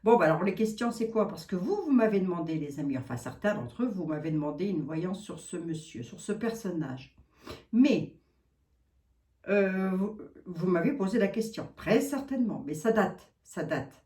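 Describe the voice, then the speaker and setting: A woman's voice: fairly low pitch, expressive, moderate pace, mellow. A woman psychic chatting casually and in a flustered way to her viewers, laughing often between sentences. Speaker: psychic reader. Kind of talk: casual chat to camera. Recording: echoey room.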